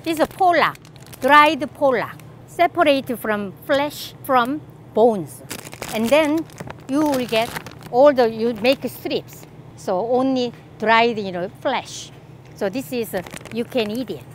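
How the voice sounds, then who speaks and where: Middle-aged korean-accented lady, chatty and upbeat, filming herself in a grocery store, kinda high voice. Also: slow, slight background noise. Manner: chatty, enthusiastic, laughs often. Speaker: cooking channel host. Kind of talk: casual shopping walkthrough. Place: large grocery store aisles, indoors.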